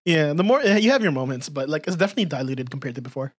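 This woman in her twenties, a podcast co-host and content creator with a slight Filipino accent, talks very fast in a deep, slightly rough, very animated voice. She chats informally on the podcast, making her points with emphasis.

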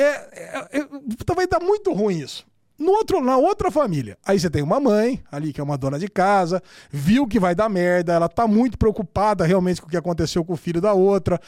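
A man with a Brazilian Portuguese accent, hosting a casual podcast chat and telling stories in an animated way, swearing freely. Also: high voice, no room sound, clean studio sound. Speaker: podcast host.

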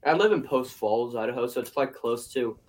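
A man's voice: medium pitch, animated, brisk. A man in a casual chat, laid-back, mumbling and trailing off, with faint noise behind. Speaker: stranger on a video chat.

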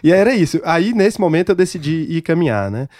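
A man's voice: fairly high pitch, sing-song, fast talker, darkish tone, no echo. A man, a podcast host telling candid, self-mocking stories in casual chat.

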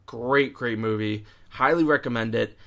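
A man's voice: mid-range voice, moderate pace, pushed and bright. A young man co-hosting a podcast, chatting casually and enthusiastically about films with a friend. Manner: enthusiastic, opinionated, uses many fillers. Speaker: podcast co-host. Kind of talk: casual chat.

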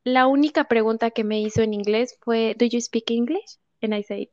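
A young Mexican woman telling her story in a casual interview, acting out what people said with lively quoted voices. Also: fairly high pitch, moderate pace, dry recording. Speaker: guest. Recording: muffled lo-fi audio.

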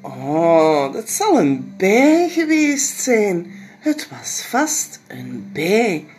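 A woman's voice: very animated, slow, a little mellow, exaggerated voice. A woman doing an exclaiming storybook mother. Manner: high, exclaiming. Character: caring mother, warm and surprised. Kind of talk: storybook read-aloud.

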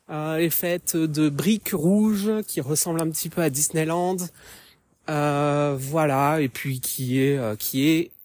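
A man's voice: fairly high pitch, darkish tone. A man from France giving casual spoken commentary while walking outdoors in a small wood, hesitating often with filler sounds, recorded as a phone voice message. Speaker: podcast contributor.

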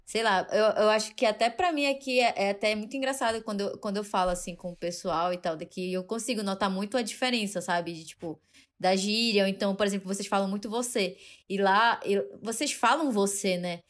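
This is a woman from Belém with a Belém accent. Her pitch sits in the middle range. She chats casually and explains her points at length. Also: fairly quick. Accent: Belém, Pará Portuguese. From Belém, Brazil. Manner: uses "tu" throughout, explains at length. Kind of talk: casual chat.

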